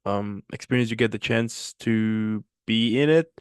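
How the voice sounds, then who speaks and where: A man's voice: on the low side, a little slow, clear, resonant tone, dry recording, studio quality. A man hosting a casual chat show, laid-back and agreeable, with a slangy way of talking. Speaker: host.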